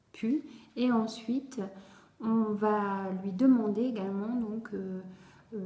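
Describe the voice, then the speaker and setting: A woman explaining step by step how to teach a child to read syllables, patient and careful, often pausing on fillers. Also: mid-range voice, warm tone. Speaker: teacher explaining reading method. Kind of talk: instructional video lesson. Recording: echoey room.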